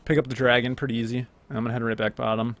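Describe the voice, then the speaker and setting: A young man talks casually over his own gameplay footage, chatty and relaxed, full of fillers and self-corrections. His medium-pitched voice races along.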